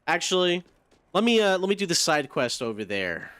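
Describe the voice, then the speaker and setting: A man doing casual live gameplay commentary, talking to himself in slangy, profane language with excitable outbursts. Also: fairly high pitch, moderate pace, smooth, dry recording. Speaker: game streamer. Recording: faint background noise.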